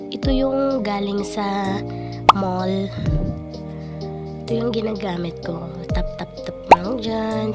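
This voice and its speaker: A woman's voice run through a pitched-down voice changer. She talks slowly and chattily to her viewers, sounding a little stuffed up from a cold and cough. Loud music plays underneath throughout. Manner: chatty, addresses viewers as guys. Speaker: vlogger. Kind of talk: casual narration of a doll-game morning routine. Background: loud background music.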